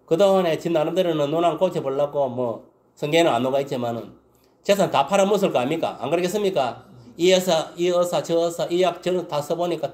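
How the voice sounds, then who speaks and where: A man preaching a Sunday sermon. He keeps asking the congregation whether they understand and agree, and he swings between loud exclamations and low muttering. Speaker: pastor.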